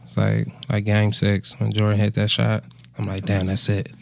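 A man's voice: on the low side, completely flat delivery, moderate pace, gravelly, a little hiss or hum. A man in his twenties, a musician chatting casually in a laid-back, slangy bro manner with plenty of swearing. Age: 20s. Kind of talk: casual conversational storytelling.

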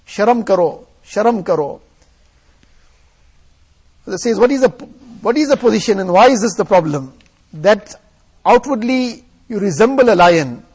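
Male preacher. Husky, creaky voice pitched high. Earnest, exhorting sermon delivery. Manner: earnest, exhortatory, repeating phrases for emphasis. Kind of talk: sermon, reading Urdu passages and translating them into English.

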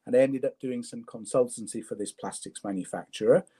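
A man's voice: mid-range voice, fairly quick, mellow, husky. A man from Leeds, a guest entrepreneur, telling his career story in a wry, self-deprecating way with stammering repeats. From Leeds, England. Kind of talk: conversational storytelling.

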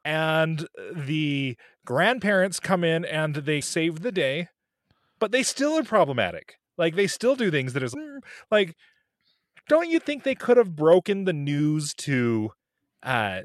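A man's voice: on the high side, slow, no echo, clean studio sound. A man discussing a movie in casual chat, wry and critical, steering the talk with questions. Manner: animated, wry, critical, puts on quoted voices.

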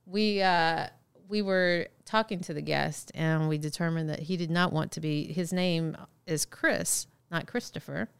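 A woman's voice: sits low, steady tone, unhurried, gravelly, smooth, no echo. A woman co-hosting a podcast, teasing playfully and laughing a lot in casual chat. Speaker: podcast co-host.

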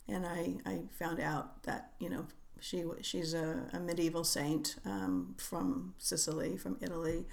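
A middle-aged woman, a writer who is a guest on a podcast, talking reflectively in an unhurried, musing way with frequent hesitations. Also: lowish voice, gravelly. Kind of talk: reflective conversational interview.

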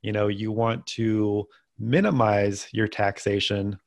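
A man's voice: on the low side, level tone, slow pace, gravelly, no echo. A man co-hosting a finance podcast, chatting casually with dry sarcastic asides and plenty of ums. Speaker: podcast co-host.

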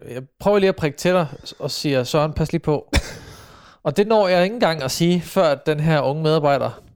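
A man's voice: fairly high pitch, a little mellow, clean tone. A man in casual chat, recounting a story hesitantly with many fillers.

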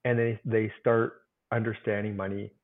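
Speaking at a moderate pace in a lowish, level voice, this male guest author answers interview questions conversationally. His explanations are earnest, full of simple examples and frequent "like"s, and the remote call sounds thin and phone-like.

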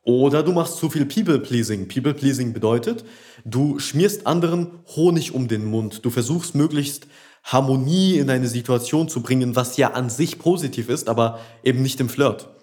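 A man's voice: medium pitch, normal speed, darkish tone. A man talking as a dating coach in a blunt, direct coaching monologue, speaking right to the listener. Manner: blunt, addresses the listener as du, repeats "und, und, und".

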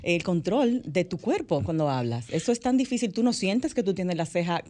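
A woman co-hosting a radio show in a studio, chatty and quick to jump in. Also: on the low side, big pitch swings, warm tone. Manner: chatty, jumps in with quick interjections. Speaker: radio co-host. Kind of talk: casual radio chat.

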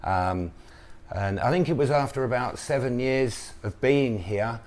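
A man's voice: mid-range voice, measured pace, a little mellow. A man in his fifties with a southern English accent, chatting casually and telling anecdotes in an easygoing, matey way. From Colchester, Essex, England. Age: 50s. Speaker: restaurant owner, interview guest. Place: restaurant pie kitchen indoors.

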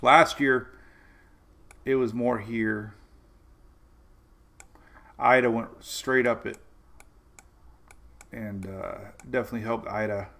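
A man's voice: medium pitch, fairly even intonation, slow pace, creaky, pauses often, a bit bright. A man hosting a live weather stream, chatting loosely about the tropics, greeting viewers by name and laughing often. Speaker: weather show host. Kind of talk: live-streamed weather talk reading chat.

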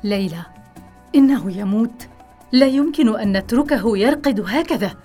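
A woman's voice: a little high, very animated, a little fast, soft background music. A woman playing a determined young nurse, speaking urgently and insistently in an audio drama.

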